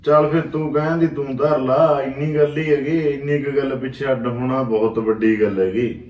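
A man playing a patient husband who calmly coaxes his wife to keep the family together in an amateur village skit. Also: medium pitch, normal speed, dull audio, natural voice. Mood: coaxing. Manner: calm, coaxing persuasion. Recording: roomy echo, distant from the mic.

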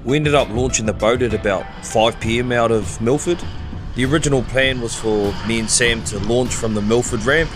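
A man's voice: mid-range voice, moderate pace. A man in his thirties from southern New Zealand with a broad Kiwi accent, telling his adventure vlog in a casual, laid-back, slangy way. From Bluff, southern New Zealand. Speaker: vlog host and diver. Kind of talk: casual adventure vlog, part to camera, part voice-over. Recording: music behind the voice. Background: music.

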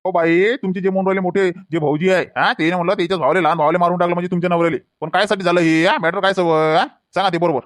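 A man acting as a stern, calm village police officer in a comedy skit, speaking in a Varhadi Marathi accent and a lowered, measured voice. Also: no room sound, clean studio sound, lightly acted.

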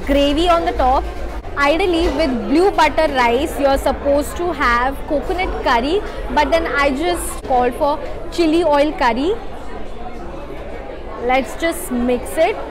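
A high-pitched young Indian woman with an Indian English accent gushes through a restaurant food review, slipping between English and Hindi. She talks into a lapel mic. Music plays clearly and a restaurant crowd chatters behind her. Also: unhurried. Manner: enthusiastic, mixes Hindi into English. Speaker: food vlogger. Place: restaurant indoors, then outdoor garden.

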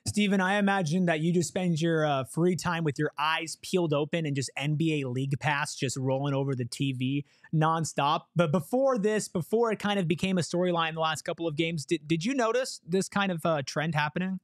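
A man's voice: fairly high pitch, fairly quick, hardly any pauses, no room sound. Young man hosting a sports podcast, dry sound. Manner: animated, joking, rambling questions. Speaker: podcast host. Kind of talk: casual sports podcast chat. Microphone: podcast microphone on a boom.

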